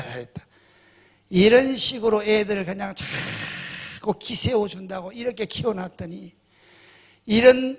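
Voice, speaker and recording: A man's voice: high-pitched, gravelly, breathy edge. A middle-aged male pastor preaching a sermon, emphatic, often firing rhetorical questions at the congregation.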